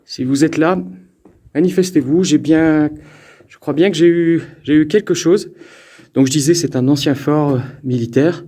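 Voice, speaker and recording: Dark-voiced man ghost hunting, stammering. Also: a little high, moderate pace. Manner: stammering, excitable, talks to spirits. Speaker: paranormal investigator. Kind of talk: ghost-hunting vlog narration. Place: abandoned mountain fort.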